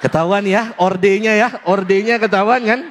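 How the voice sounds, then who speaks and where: High-voiced chatty priest. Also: male voice, fairly even intonation, moderate pace, slight background noise. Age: young adult. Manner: chatty storytelling, acts out quotes, laughs often. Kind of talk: humorous homily.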